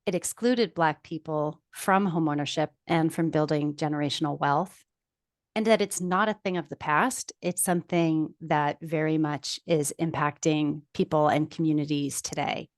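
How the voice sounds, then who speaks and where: A woman's voice: low voice, steady tone, normal speed, no echo, clean studio sound. A woman presenting slides to an audience on an online video call.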